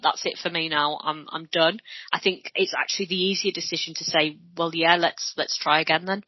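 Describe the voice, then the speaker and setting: Speaking fairly quickly in a low voice with fairly even intonation, this podcast co-host from Wales talks in a Welsh accent. She is earnest in casual conversation and develops her points at length, recorded dry and lo-fi with a dull tone and no echo.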